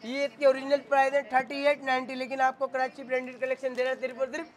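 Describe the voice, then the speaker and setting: A man with a Pakistani accent working as a shop salesman, giving an insistent, repetitive hard-sell pitch on goods and discount prices. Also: monotone, quick pace. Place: clothing shop.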